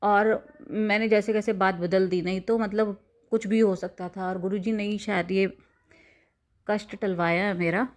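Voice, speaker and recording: A woman's voice: mid-range voice, fairly even intonation, unhurried. A woman, likely in her thirties, earnestly telling a rambling personal devotional testimony with frequent restarts.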